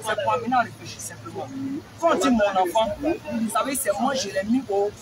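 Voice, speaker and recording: A man's voice: sits high, fairly quick, far from the mic, rough recording. A man in a heated outdoor street debate, pressing a question insistently, repeating himself and calling the other man papa. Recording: outdoor street recording with loud crowd noise. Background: loud crowd, passing vehicles.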